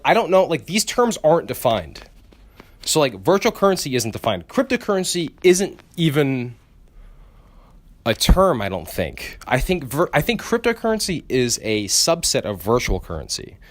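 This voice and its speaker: A young man talks alone as the host of his podcast, loose and unscripted. He swears freely and keeps restarting his sentences, stammering as he goes. His voice sits in an ordinary middle pitch. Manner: rambling, profane, many restarts and stammers. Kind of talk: casual solo podcast monologue.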